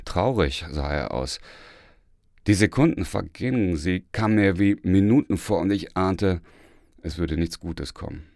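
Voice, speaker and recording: Deep voiced guy reading a memoir audiobook, lively storyteller, dry studio sound. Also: measured pace, no echo. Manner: lively, storytelling with acted dialogue. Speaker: audiobook reader. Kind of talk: first-person memoir narration.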